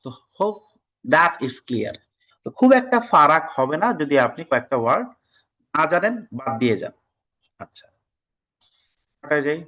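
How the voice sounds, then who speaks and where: A man's voice: a little high, very animated, bright, forceful tone, low-quality recording. Man teaching an online test-prep class. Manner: scolding, mixes English into his talk; reads practice passages aloud slowly and deliberately.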